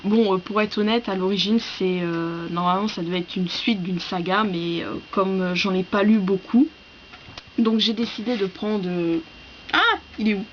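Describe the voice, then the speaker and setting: A woman book vlogger talks casually, stumbling over fillers and restarts as she reads from her notes. Her pitch sits in the middle. The recording is dull and lo-fi, with a faint hiss behind her. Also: steady tone, normal speed. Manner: hesitant, many fillers, reads parts from notes.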